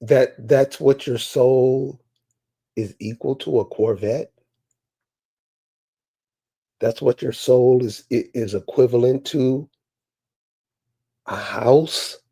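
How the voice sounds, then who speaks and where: A man in casual, reflective conversation, speaking haltingly and deliberately and posing rhetorical questions. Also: mid-range voice, fairly even intonation, dark tone, husky.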